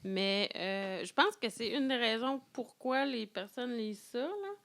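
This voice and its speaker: Quebec french woman on a book podcast, slow and halting, kinda high voice. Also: lively intonation, vocal fry, a bit bright. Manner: hesitant, with many restarts. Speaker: podcast co-host. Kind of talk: casual book-club chat.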